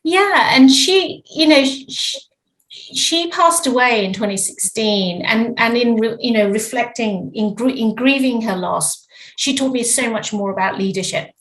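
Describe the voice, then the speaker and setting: A middle-aged woman from Zimbabwe, a lawyer giving thoughtful, measured answers as a podcast guest, often restarting her phrases. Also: on the high side, fairly bright tone, poor audio. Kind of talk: reflective interview answers.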